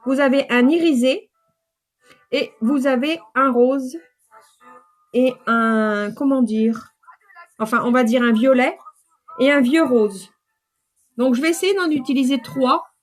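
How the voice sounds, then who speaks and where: A woman's voice: sits high, slow, pauses often, faint music behind. A woman in her fifties with a runny nose, chatting casually to viewers while doing her makeup live. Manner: chatty, rambling, talks straight to viewers.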